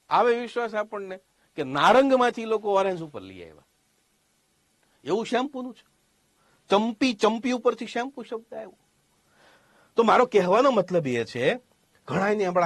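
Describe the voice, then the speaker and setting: A man's voice: sits high, no room sound. A man with a Gujarati accent, a native Gujarati speaker, teaching a spoken English class step by step, asking questions and repeating examples. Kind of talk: classroom lesson.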